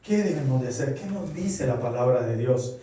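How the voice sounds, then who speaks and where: A man's voice: medium pitch, animated, normal speed, dark tone, a little hiss or hum. A middle-aged man preaching a sermon to his congregation, earnest and full of rhetorical questions. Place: church. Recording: very echoey church, voice far from mic.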